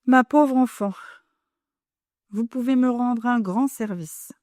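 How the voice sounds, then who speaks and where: A woman's voice: a little high, slow pace, a little mellow, dry recording, clean studio sound, pitched above the performer's own voice. A woman reading a lovesick young man. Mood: tender. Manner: tender, pleading.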